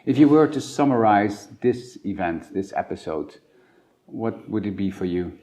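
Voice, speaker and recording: A man's voice: lowish voice, animated, moderate pace, warm tone. A man interviewing a guest at a conference, asking questions and encouraging with short affirmations.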